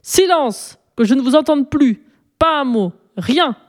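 A woman voicing a harried, short-tempered male school supervisor who shouts at the class, in a storybook reading. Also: fairly high pitch, steady tone, normal speed, voice pushed up, natural voice. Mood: furious. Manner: shouting, exasperated.

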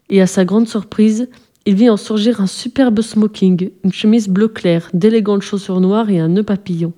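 Mellow-voiced woman reading a story. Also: mid-range voice. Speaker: narrator. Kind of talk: scripted storybook narration.

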